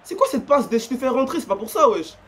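A young man talks over his football video game match in a very high, animated voice. He is excitable and slangy, repeating phrases and bursting into shouts and laughter. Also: fast. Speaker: gaming YouTuber. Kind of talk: live gameplay commentary.

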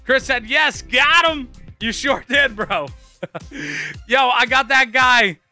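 A man streaming a game live, talking to his chat and friends in excited, hyped-up commentary. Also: very high-pitched, takes it slowly, soft background music.

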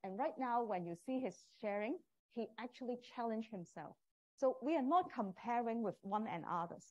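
Her voice sits on the high side with lively intonation, a darkish tone and normal speed, heard through lo-fi sound. A Cantonese-accented communication professor, she presents live to prospective students, making small slips in her non-native English.

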